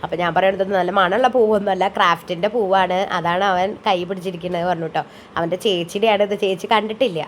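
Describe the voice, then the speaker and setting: A woman's voice: lowish voice, fairly even intonation, fast talker, slight background noise. A woman, a mother chatting through a family vlog voice-over in a homely way. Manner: homely, chatty, tags sentences with "ട്ടോ". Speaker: vlogger and mother. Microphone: voice-over, close mic.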